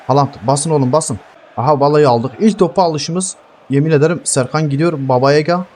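A man's voice: a little high, brisk. Hot-headed swearing gamer man. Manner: heated, swears constantly, yells at teammates. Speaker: gaming streamer. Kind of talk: swearing live gameplay commentary.

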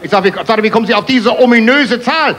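A man from Hamburg with a Hamburg accent doing rapid-fire stand-up jokes on stage, punchy one-liners, keeps calling the crowd "friends". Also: extremely high pitch, fairly bright tone. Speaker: stand-up comedian. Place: live stage before a laughing audience. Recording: TV show stage recording with crowd noise.

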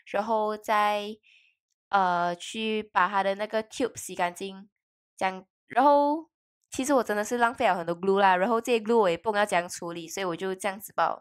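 A young woman doing a casual, rambling and playful vlog voice-over, mixing in English words. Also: mid-range voice. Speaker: video creator.

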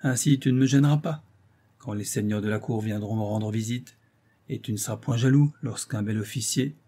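A man's voice: fairly low pitch, a little fast, warm tone, close to an everyday voice. A male audiobook reader voicing a scornful, cruel young actress who taunts her lover with icy mockery. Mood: mocking. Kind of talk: audiobook reading.

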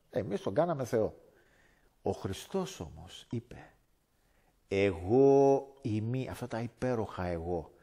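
Animated man giving a faith testimony. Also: mid-range voice, slightly rough. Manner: animated, acts out dialogue in voices. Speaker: guest speaker giving testimony.

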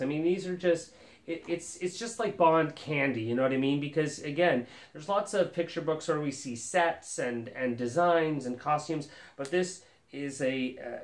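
Enthusiastic man in a roomy living room. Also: mid-range voice. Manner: enthusiastic, rambling with many fillers. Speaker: collector channel host. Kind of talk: casual show-and-tell vlog. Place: living room with a lit holiday tree, indoors.

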